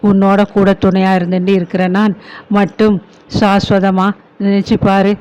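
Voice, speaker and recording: A man reading as an older widowed aunt, gentle and consoling. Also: high-pitched, level tone, moderate pace, clean tone, lightly acted. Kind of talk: audiobook story reading. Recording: dull lo-fi recording.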